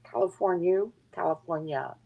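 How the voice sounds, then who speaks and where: A woman's voice: lowish voice, moderate pace, gravelly, narrow, tinny audio. A wheezy, short-of-breath woman chatting casually in a rambling, earnest way. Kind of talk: casual chat.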